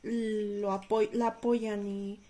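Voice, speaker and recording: A young woman co-hosting a podcast, talking in a relaxed, casual way. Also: mid-range voice, slow. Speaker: podcast co-host. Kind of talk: casual conversation.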